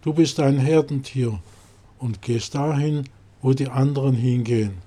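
A man's voice: mid-range voice, a little slow, warm tone, lightly acted. A man voicing a bossy, yapping sheepdog in a storybook nativity crib. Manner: barking, bossy.

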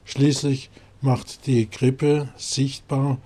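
A man's voice: mid-range voice, little pitch movement, extremely slow, warm tone. A man voicing a scornful, know-it-all donkey in a storybook nativity crib, mocking and sneering.

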